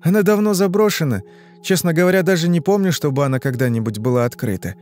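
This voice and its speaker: A man's voice: a little high, quick pace, a little mellow, soft background music, voice pushed up, close to an everyday voice. A man voicing an anxious middle-aged businessman and father in an audiobook, flustered and hesitant. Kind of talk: audiobook reading.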